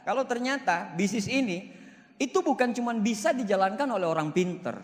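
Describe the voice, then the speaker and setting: A man's voice: high voice, a little fast. Man speaking in a reverberant hall. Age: 40s. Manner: animated, boastful, jokey, shifts loud and soft. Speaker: motivational speaker. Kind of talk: seminar success talk. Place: large hall.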